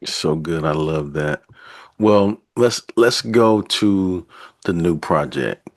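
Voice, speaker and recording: A man's voice: low-pitched, expressive, slow, darkish tone. A man hosting an interview, talking in a loose, rambling way with lots of fillers. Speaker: podcast host. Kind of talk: casual interview chat.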